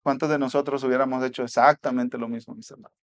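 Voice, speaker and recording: A man with a Mexican accent preaching a sermon as pastor, swinging between soft asides and loud exhortation. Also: mid-range voice, steady tone, fast talker.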